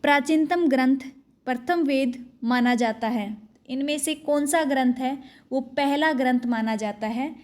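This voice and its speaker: A young woman teacher with a high voice runs through an exam-prep quiz lesson at a fast, brisk clip. She reads out a question, then answers it herself in a clear, drilling manner.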